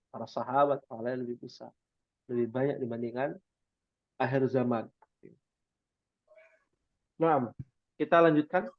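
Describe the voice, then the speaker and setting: A man teaching an Arabic class over a video call, giving encouraging feedback with drawn-out affirmations. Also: mid-range voice, no room sound, lo-fi sound.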